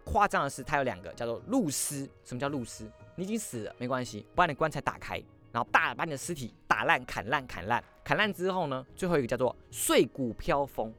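A man hosts a history podcast and tells the story with swooping, animated pitch. His delivery is quick and theatrical. Soft music runs underneath his voice. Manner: lively, acts out quoted lines in shifting voices.

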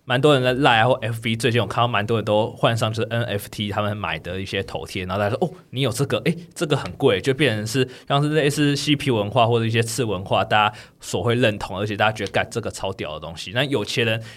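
Male podcast co-host, Taiwanese Mandarin accent, rapid and lower-pitched, loose and chatty delivery. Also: a bit bright. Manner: fast, filler-heavy explaining. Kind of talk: casual explanatory chat.

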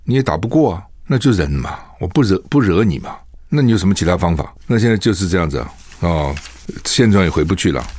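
Older man, animated radio commentary. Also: low voice, quick pace, no room sound, studio quality. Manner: animated, rhetorical questions, emphatic. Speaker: radio talk show host. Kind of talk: casual political radio commentary. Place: radio studio. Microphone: studio microphone.

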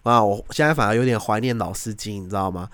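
A man's voice: lowish voice, quick pace, a bit bright, no room sound. A young man with a Taiwanese Mandarin accent hosting a podcast, telling stories casually, swearing freely and acting out quotes. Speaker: podcast host. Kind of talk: casual storytelling.

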